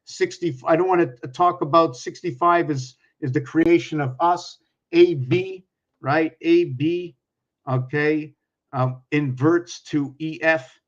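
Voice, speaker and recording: A man in his sixties who talks in a rather high voice, doing his arithmetic out loud and stopping to ask the listener questions. His explanation rambles from point to point. The recording sounds dull and lo-fi. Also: slow. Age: 60s. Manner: works through sums aloud, pointing at objects; asks questions of the viewer. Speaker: numerology speaker.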